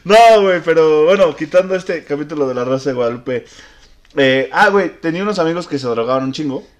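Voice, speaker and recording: A man's voice: fairly high pitch, fast talker. Joking young Mexican man. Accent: Mexican Spanish. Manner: joking, laughing, slangy. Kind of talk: casual crude chat.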